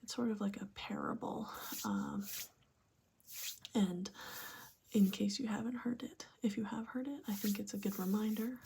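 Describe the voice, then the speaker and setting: A woman whispering a casual ASMR pep talk in a breathy, gentle, rambling way with pauses. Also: medium pitch, steady tone. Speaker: ASMR video host.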